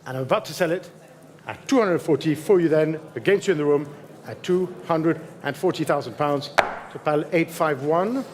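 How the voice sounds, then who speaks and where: A man working as a fine art auctioneer, calling bids live in a formal, courteous way and repeating figures in measured phrases. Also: fairly high pitch.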